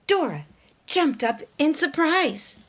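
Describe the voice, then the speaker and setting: A woman with a high voice reads a picture book aloud to children, often in a hushed tone. Her narration is expressive and deliberate, and she poses questions to her young listeners.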